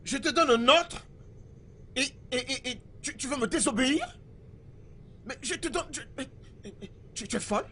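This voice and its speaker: A man dubbing a hot-tempered young man in a film drama who stammers and shouts when angry. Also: very high-pitched, lively intonation, moderate pace, pauses often, slight background noise. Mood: furious.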